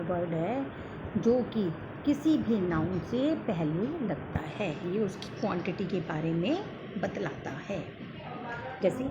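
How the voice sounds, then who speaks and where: A woman with an Indian accent, teaching a grammar lesson, explaining slowly and answering her own questions. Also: medium pitch, highs cut off, noisy background.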